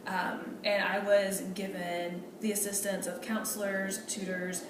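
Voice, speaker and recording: A woman's voice: mid-range voice, level tone, unhurried, lightly acted. A woman playing an earnest female medical student in a role-play meeting, speaking politely and hesitantly with many fillers and restarts. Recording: echoey room, distant mic, noisy.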